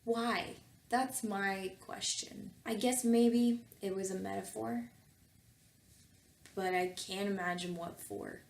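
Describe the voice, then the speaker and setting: Reading fan fiction out loud with offhand, mock-serious asides, this woman speaks slowly in a mid-range voice with a steady tone and vocal fry. Music plays behind her in a roomy, echoing space.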